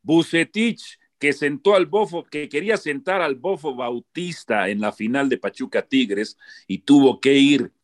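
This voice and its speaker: A man's voice: mid-range voice, a little slow. A man giving heated, emphatic football commentary on a panel, often repeating himself as he argues. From born outside Mexico. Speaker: football pundit.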